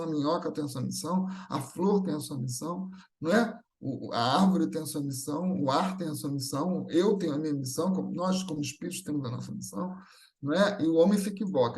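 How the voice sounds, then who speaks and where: A fairly high, somewhat mellow male voice talks fast here. The speaker is a Brazilian man with a Brazilian Portuguese accent, a guest at a Spiritist gathering giving an extemporaneous religious talk that reassures earnestly and builds through repetition.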